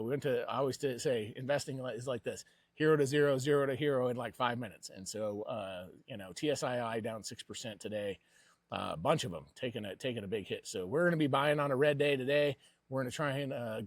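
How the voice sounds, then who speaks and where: A man's voice: medium pitch, brisk, dry recording. A man hosting a personal investing vlog with casual, rambling commentary.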